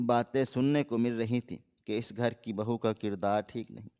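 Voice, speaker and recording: A scolding older mother-in-law, read by a male storyteller in a smooth, clear voice. The recording sounds a little dull and lo-fi. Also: medium pitch, a little mellow, long reverb tail, close to an everyday voice. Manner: wailing, scolding reading.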